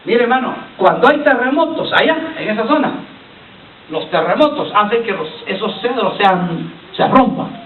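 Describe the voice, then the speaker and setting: High-voiced man preaching in an echoey church. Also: lively intonation, moderate pace, slight background noise. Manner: preachy, calls on the congregation to repeat lines; keeps addressing listeners as brother. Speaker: pastor. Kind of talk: sermon. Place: church hall. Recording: echoey far-off church recording over a lo-fi line.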